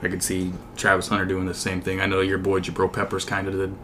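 A man co-hosting a casual sports podcast, talking in halting, hesitant phrases. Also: deep voice, completely flat delivery, a bit bright, a little hiss or hum. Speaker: podcast co-host.

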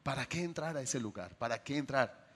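A man preaching a sermon to his congregation, asking them questions and swinging between loud bursts and soft, drawn-out phrases. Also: medium pitch, expressive, a little hiss or hum.

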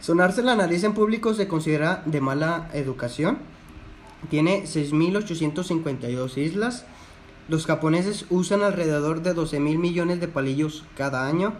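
A young man with a Mexican accent reads out quiz questions and mocks his friend's answers. His voice sits a little high. A faint hiss of noise stays behind him. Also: normal speed. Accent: Mexican Spanish. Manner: teasing, reads questions aloud. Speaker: quiz reader. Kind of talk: casual chat.

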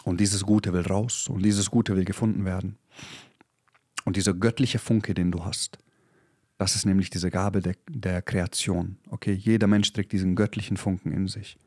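A man's voice: low voice, fairly even intonation, moderate pace, darkish tone, no echo, studio quality. Intense preachy man in his thirties. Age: 30s. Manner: intense, preachy, swears, drops English phrases. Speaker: podcast host. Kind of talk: motivational podcast monologue. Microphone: podcast microphone.

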